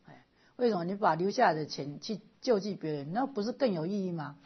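A middle-aged woman giving a lively, animated storytelling lecture as a Buddhist lay teacher. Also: fairly low pitch, brisk, husky, dull audio.

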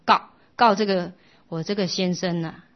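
A woman's voice: on the low side, steady tone, moderate pace, muffled recording, close to an everyday voice. A woman voicing an angry wife who scolds her husband within a told story. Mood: indignant.

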